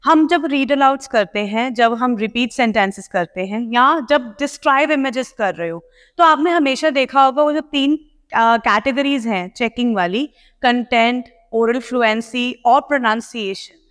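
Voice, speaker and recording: High-voiced woman teaching in a reverberant hall. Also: normal speed, fairly bright tone. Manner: explanatory, addresses students directly. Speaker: PTE coaching teacher. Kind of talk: spoken lesson in Hindi-English mix.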